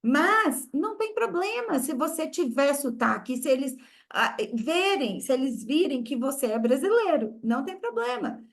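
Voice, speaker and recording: A woman's voice: sits high, very animated, moderate pace, gravelly. A woman from Brazil with a Minas Gerais accent, teaching an English masterclass with rhetorical questions and repeated key phrases. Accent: Minas Gerais Brazilian Portuguese. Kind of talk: online masterclass lesson.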